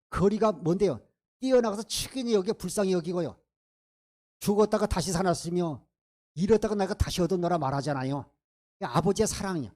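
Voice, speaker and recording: A man's voice: high-pitched, dark tone. A male pastor preaching a sermon, emphatic and full of rhetorical questions to his congregation.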